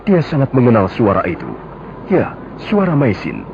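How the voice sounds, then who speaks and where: A man narrating a scripted radio drama with measured, dramatic storytelling. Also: medium pitch, wildly swooping pitch, vocal fry, noisy background. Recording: dull lo-fi radio recording. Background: prominent music.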